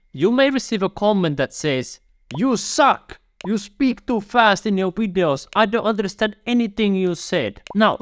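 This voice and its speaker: A YouTube coach with a Finnish accent and a high-pitched voice gives earnest, step-by-step advice straight to camera, calling the viewer "my friend." The sound is studio quality with no echo.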